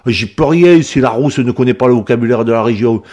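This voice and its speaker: A man's voice: medium pitch, brisk, darkish tone, voice pushed up, close to an everyday voice. A man voicing a brash, plump farmer from the south of France with a strong southern French accent and a boisterous way of exclaiming.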